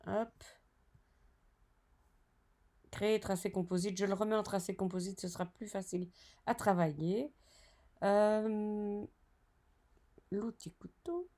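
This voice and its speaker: A woman tutoring design software over a screen recording, chatty and narrating each step with self-correcting asides. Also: mid-range voice, takes it slowly, long pauses.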